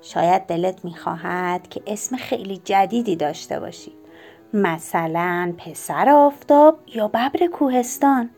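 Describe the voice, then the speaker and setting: A woman voicing a gentle, patient father who speaks softly and coaxingly to his young son. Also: medium pitch, animated, faint music behind, close to an everyday voice. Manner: soft, coaxing and kindly.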